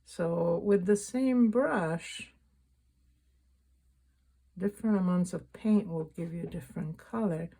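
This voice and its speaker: A woman giving a casual, unscripted painting tutorial, thinking aloud in a halting way and often rephrasing mid-sentence. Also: fairly low pitch, creaky, mellow. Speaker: painting instructor and vlogger.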